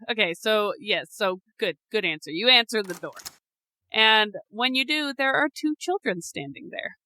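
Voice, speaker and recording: A woman's voice: fairly high pitch, expressive, measured pace, bright, forceful tone. A woman co-hosting a podcast, narrating a creepy scenario to her friend with teasing laughs. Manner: laughs often, teasing, storyteller. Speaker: podcast co-host. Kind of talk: casual chat, narrating a spooky scenario.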